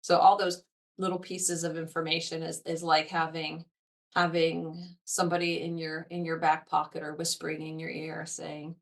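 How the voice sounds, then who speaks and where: A woman's voice: deep voice, level tone, moderate pace. A woman chatting about outdoor trips in a digressive, conversational way. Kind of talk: casual conversation. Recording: voice slightly distant from mic.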